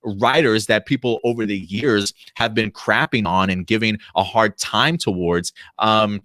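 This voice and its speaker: Chatty man in his thirties, low voice. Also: a little slow, sharp tone, dry recording, studio quality. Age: 30s. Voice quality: fillers and restarts, enthusiastic. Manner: chatty, reads out viewer comments. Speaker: podcast co-host. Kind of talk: casual livestream chat.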